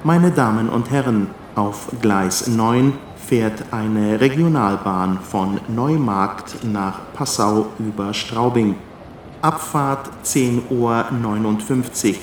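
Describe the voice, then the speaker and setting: Slow, formal male station announcer. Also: on the low side, roomy sound, a little hiss or hum. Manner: formal, measured, clearly articulated. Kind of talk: public address announcements.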